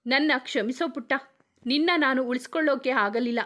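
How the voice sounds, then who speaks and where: Woman doing a heartbroken cop dad, soft and pleading, kinda high voice. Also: a little fast. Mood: tender. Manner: tender, pleading. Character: grieving male police officer, loving father.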